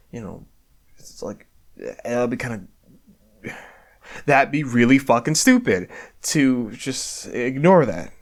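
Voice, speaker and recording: A man giving a candid year-end reflection, stammering and restarting often, swearing casually, earnest and self-deprecating. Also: mid-range voice. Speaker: video creator.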